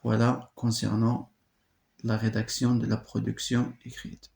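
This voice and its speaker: A man teaching French, slowly explaining exam steps to his students, in an echoey room. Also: medium pitch, monotone, vocal fry, a little mellow, slight background noise. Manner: slow, addresses students directly. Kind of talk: exam correction lesson.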